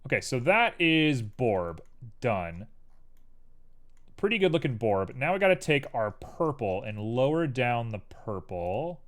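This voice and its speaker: A man's voice: mid-range voice, big pitch swings, unhurried. A young man streaming while he 3D models, muttering to himself in a playful, rambling way. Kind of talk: casual livestream commentary while 3D modeling.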